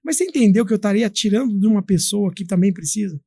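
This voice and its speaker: A man from Brazil, a guest in an interview, telling a story in a lively, chatty way with many fillers. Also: high-pitched, fast talker, husky, no echo, studio quality. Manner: animated, acts out quoted voices, many fillers. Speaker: guest, company founder.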